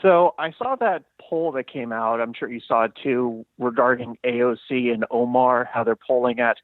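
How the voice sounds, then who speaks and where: A man's voice: medium pitch, moderate pace, dry recording. A man from Texas calling in by phone to a political talk show, speaking casually, politely and a little hesitantly. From Texas, United States. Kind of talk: casual call-in discussion. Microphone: phone call. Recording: muffled, tinny phone line.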